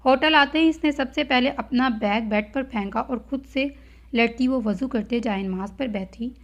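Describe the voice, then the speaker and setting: A woman's voice: high voice, moderate pace. A woman reading a novel aloud. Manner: expressive storytelling. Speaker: novel reader, channel host. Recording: dull lo-fi audio.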